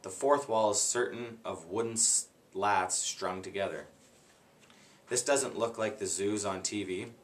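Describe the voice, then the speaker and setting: A man reads a children's book aloud at an easy, unhurried pace. His voice sits low and plain, with no performance flourishes. Now and then he stops and rereads a line he stumbled on. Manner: unhurried, plain reading, stops to redo slips. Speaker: guest reader.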